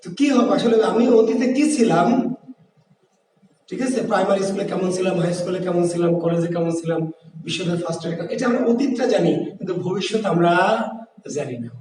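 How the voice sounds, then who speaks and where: A man's voice: sits high, fast, a little mellow. A man from Bangladesh, teaching an exam-prep lesson, asking rhetorical questions and repeating key words. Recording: echoey room, voice from far off.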